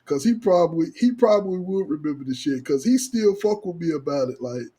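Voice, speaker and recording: An American podcast host with a slightly high, slightly rough voice talks a little fast. He tells comic stories among friends in an animated, profane, slangy way, acting out the quoted exchanges.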